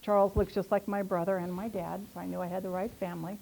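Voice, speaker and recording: Middle-aged woman author, chatty lecturer, low gravelly voice. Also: level tone, fast talker, a little mellow, slight background noise, poor audio. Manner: chatty, storytelling, answers audience questions. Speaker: author giving a local history talk. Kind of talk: casual public lecture. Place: historical society meeting room.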